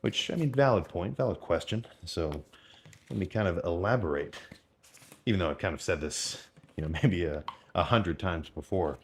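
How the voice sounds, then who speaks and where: A young man with a very deep, low voice talks to his vlog audience. He speaks informally and off the cuff, rambling along with plenty of slang. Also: normal speed, a little hiss or hum. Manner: rambling, informal, full of slang and mild swearing. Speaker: fitness vlogger. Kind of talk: casual unscripted vlog chat about eating and training.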